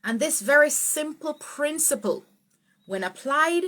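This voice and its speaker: Expressive woman coaching speech online. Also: a little slow. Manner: expressive, swoops pitch up and down for emphasis; greets viewers by name, laughs easily. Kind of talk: live online tutorial.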